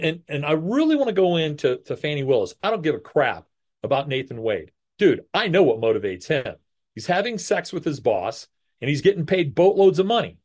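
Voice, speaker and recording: Middle-aged male talk show host, blunt and opinionated, slightly high voice with a wide, lively pitch range. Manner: blunt, animated, acts out quoted voices. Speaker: guest host.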